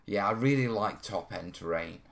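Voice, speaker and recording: Gravelly and fairly low yet a bit bright, this man's voice moves at a normal speed. He hosts a live terrain-modelling hobby stream from a North Wales studio, rambling informally through questions and often checking in with "yeah" and "you know."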